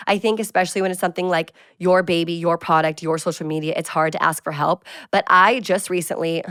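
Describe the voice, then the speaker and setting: A woman in her twenties hosting a casual advice podcast, chatty and bubbly, with quick bursts of excitement. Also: fairly low pitch, dry recording, clean studio sound. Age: 20s. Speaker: podcast host.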